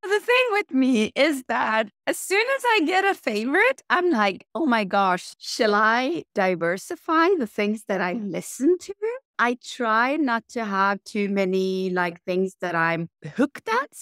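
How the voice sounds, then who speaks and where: A middle-aged tech executive, born in Iran and raised in Norway, gives casual interview answers in a smooth, resonant, slightly high voice at a measured pace. She sounds lively and reflective, listing examples in runs. The recording is dry and close, with no room sound.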